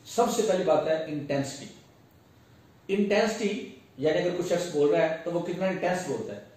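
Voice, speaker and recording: A man with a fairly high voice lectures patiently, working through each point with everyday examples. He sounds set back from the mic, and his voice rings around a very echoey room. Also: a little mellow, distant mic. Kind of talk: explanatory recorded lecture.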